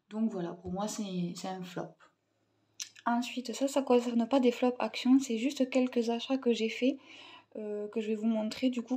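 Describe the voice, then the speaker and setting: A young adult woman from Tunisia, chatting casually in a haul video, pausing often and restarting her sentences. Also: medium pitch, darkish tone. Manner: hesitant, many fillers and restarts, chatty. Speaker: vlogger.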